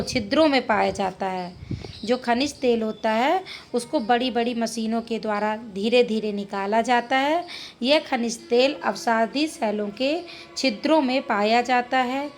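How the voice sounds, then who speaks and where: A woman's voice: fairly high pitch, slight background noise. A woman teacher explaining a school geography lesson, reading each question and answer and then repeating it in simple words.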